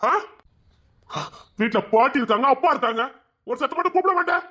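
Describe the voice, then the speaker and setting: Guy doing an ashamed hotheaded young village man, high voice, agitated. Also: a little fast. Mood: scolding. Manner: agitated, self-reproaching outbursts. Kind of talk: village drama acting.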